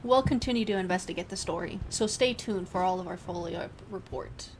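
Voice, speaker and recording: A woman's voice: fairly low pitch, brisk, gravelly, slight background noise. A woman doing an eager fox reporter voice. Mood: reporting. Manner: loud, formal broadcaster delivery. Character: eager young male fox news reporter.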